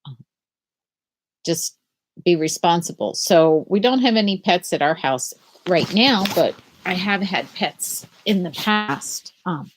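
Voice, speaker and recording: Reading a picture book aloud to schoolchildren, a middle-aged storyteller takes her time, her lively pitch rising and falling a great deal. She pauses often, chatting casually with her young audience and asking them gentle questions during this live session.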